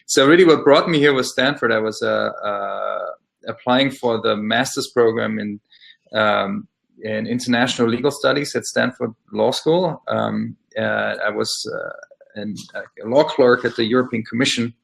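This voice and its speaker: A middle-aged man from Austria, a guest in a casual interview, speaking thoughtfully with many pauses and fillers. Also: mid-range voice, vocal fry, a bit bright. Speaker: interview guest, law scholar.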